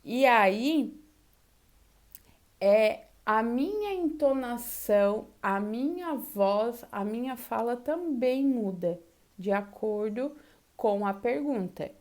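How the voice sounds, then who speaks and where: A woman with a Brazilian accent teaches an online class, patient and methodical. Her voice sits a little high, and she swings it sharply upward when she acts out example questions. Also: lively intonation, a little mellow. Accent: Brazilian Portuguese. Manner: slow and explanatory, with exaggerated question intonation to demonstrate. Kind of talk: online Portuguese class lesson.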